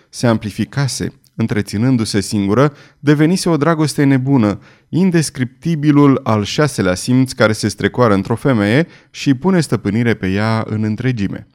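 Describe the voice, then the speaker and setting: A man's voice: mid-range voice, darkish tone. Emphatic male audiobook narrator. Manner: measured, emphatic reading.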